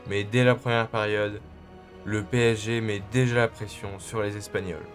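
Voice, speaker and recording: A man's voice: lowish voice, fairly even intonation, moderate pace. A man reading scripted documentary narration as the narrator of a sports history. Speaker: narrator of a football club history. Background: music.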